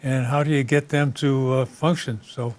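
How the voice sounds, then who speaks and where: Male interview host, mid-range voice, conversational and slightly halting, unscripted local talk show feel. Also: medium pitch, steady tone, a little hiss or hum.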